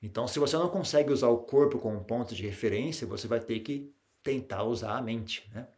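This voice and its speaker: A Brazilian man, a Buddhist monk, giving a calm meditation talk in a Brazilian Portuguese accent, with frequent tag questions and restarts that grow lively during his anecdotes. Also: mid-range voice, fairly quick. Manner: grows animated when telling anecdotes.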